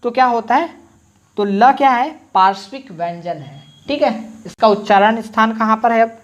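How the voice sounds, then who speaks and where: A man teaching a Hindi grammar lesson online, who asks questions and answers them himself and repeats sounds slowly so students can copy them. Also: sits high, lively intonation, highs cut off. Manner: addresses viewers directly with frequent "theek hai". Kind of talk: online exam-prep lesson.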